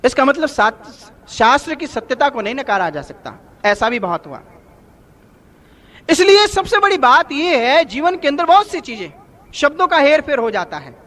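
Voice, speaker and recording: A male spiritual preacher delivering a devotional sermon. His voice sits very high and rings bright and forceful. He teaches by telling stories and anecdotes, walking listeners through each example. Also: big pitch swings, moderate pace. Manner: storytelling, explaining with examples and anecdotes. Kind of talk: satsang sermon with parables.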